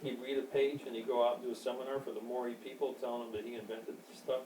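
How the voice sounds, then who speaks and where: A man in his sixties with a gravelly voice, rambling and boasting in a casual interview. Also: mid-range voice, level tone, fast. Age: 60s. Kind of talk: casual chat. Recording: echoey, distant, noisy amateur recording.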